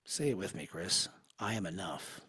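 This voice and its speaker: A man leading a guided hypnosis session in a slow, soothing, hushed manner. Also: deep voice, lively intonation, breathy edge.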